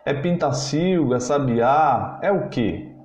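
A man's voice: medium pitch, expressive, slow, a little mellow. A man doing a bossy, impatient rich father. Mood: pushy, impatient. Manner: pushy, impatient haggling. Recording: roomy, slightly dull, faint music.

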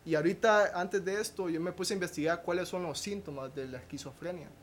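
Speaking as a guest on a podcast, a young man recounts a personal testimony haltingly, restarting frequently and adding a questioning tag at the end of phrases. His voice sits high, with slight noise in the background.

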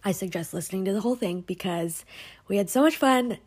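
A young woman hosts a casual podcast in a bright, chatty way, dropping fillers as she goes. Her voice sits in an ordinary middle pitch, with a slightly husky, breathy edge to it. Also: fairly quick. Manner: upbeat, chatty, with frequent fillers. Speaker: podcast host.

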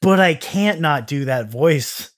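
A man's voice: fairly high pitch, expressive, takes it slowly. A man co-hosting a podcast, chatting casually in a rambling, self-interrupting, jokey way. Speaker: podcast co-host. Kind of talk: casual chat.

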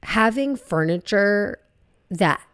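A young woman co-hosting a podcast, chatting casually in a relaxed, rambling way full of fillers, into a podcast microphone. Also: mid-range voice, slow pace, clean tone, dry recording, clean studio sound. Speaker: podcast co-host. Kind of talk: casual chat.

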